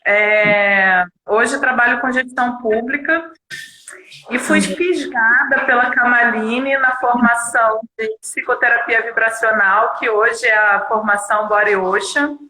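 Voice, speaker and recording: A woman's voice: fairly high pitch, fairly even intonation, unhurried, pushed and bright. A woman guest on a live stream talking about her work in an earnest, explanatory way. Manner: nervous at first, then earnest and explanatory. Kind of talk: casual interview. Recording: echoey room.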